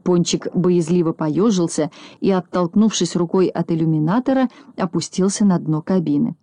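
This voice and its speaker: A woman reading a children's story aloud in a calm, even storytelling voice. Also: fairly low pitch, normal speed, no echo. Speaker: reader.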